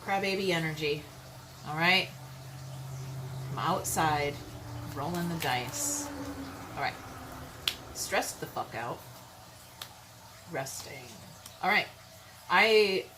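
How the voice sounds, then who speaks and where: Against a noisy background, a tarot reader with a fairly low, animated voice talks slowly and pauses often. Her reading is casual and chatty, and she bluntly says what she thinks, regularly asking her listeners "okay?" and "all right?"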